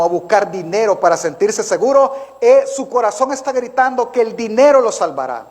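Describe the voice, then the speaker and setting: A man's voice: high voice, darkish tone. A male pastor preaching a sermon, questioning the congregation directly in a repetitive, emphatic manner.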